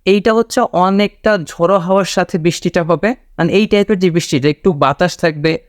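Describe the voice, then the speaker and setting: Guy teaching english words, pretty high voice, keeps saying okay and repeating stuff, dry close sound. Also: no room sound. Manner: explains slowly, repeats key words and checks with "okay?". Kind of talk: casual spoken lesson.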